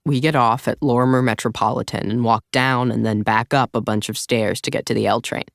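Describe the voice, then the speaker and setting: Gravelly male audiobook narrator, wry. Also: medium pitch, steady tone, brisk, no echo, clean studio sound. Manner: casual, wry, confiding. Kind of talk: first-person audiobook narration.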